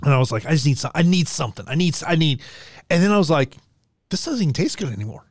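A man in his forties co-hosting a podcast, chatting in a chummy, animated way and often repeating himself. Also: on the high side, fast talker, dry recording, studio quality. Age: 40s. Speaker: podcast co-host. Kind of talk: casual sports chat.

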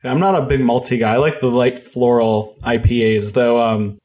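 A man hosts a relaxed podcast interview with a chatty, informal delivery. His voice sits at an ordinary male pitch, and he jokes lightly as he talks with his guest. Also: moderate pace. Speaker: podcast host. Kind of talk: casual chat, interviewing a guest.

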